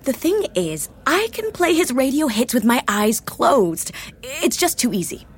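A woman's voice: high-pitched, sing-song, measured pace, husky, exaggerated voice. An actress playing a proud, strict young music teacher who is firm and exasperated with her students, in an audio drama. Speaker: music teacher and shop owner.

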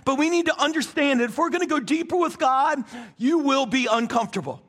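A man preaching a sermon as pastor, wet and cold, with emphatic rising bursts and soft drops. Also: very high-pitched, brisk. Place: church stage.

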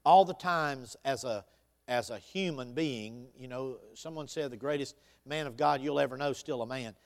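A man preaching as a pastor, exhorting emphatically and moving between loud declarations and quieter conversational asides. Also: mid-range voice, normal speed. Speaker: pastor preaching to his congregation. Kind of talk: sermon with scripture reading.

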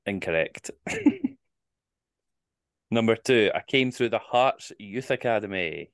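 A man's voice: fairly low pitch, lively intonation, slow, clean tone, dry recording, clean studio sound. A man with a Scottish accent hosting a casual quiz podcast, teasing the players and reading the clues in the first person. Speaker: quizmaster.

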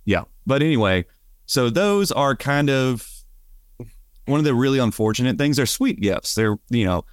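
This podcast co-host, who works at a bonsai nursery, chats casually and rambles with plenty of fillers. His medium-pitched voice is lively and moves at a normal speed. The studio recording is clean and dry.

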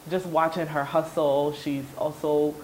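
A young woman from Ghana, raised in the States, telling her story as an entrepreneur in a relaxed, chatty interview with fillers. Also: deep voice, a little slow, a little hiss or hum, poor audio. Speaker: entrepreneur guest. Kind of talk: interview conversation.

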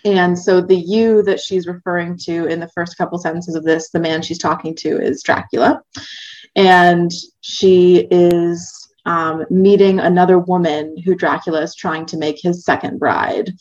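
A woman with a somewhat low voice talks about her gothic novel and reads from it. She sounds eager and bright. The recording is dull and lo-fi. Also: level tone, a little slow. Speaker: author reading her book. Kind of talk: interview chat and book reading.

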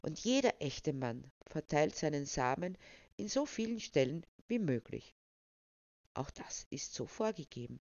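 A reader voicing a pushy, boastful young man with a smug manner, dropping to a lower voice for him. The recording is dull and dry. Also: big pitch swings, unhurried, darkish tone, no echo.

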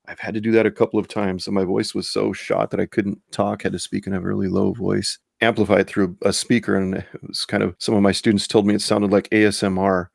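A man hosting a solo commentary podcast, hoarse after losing his voice, talking earnestly with frequent restarts. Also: fairly low pitch, level tone, brisk, few pauses, no echo, clean studio sound. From United States. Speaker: podcast host and high school teacher.

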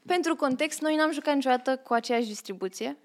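Young woman, slightly high voice, casual podcast chat, laughs often, chatty storyteller. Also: a little mellow. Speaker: podcast co-host, theatre troupe member.

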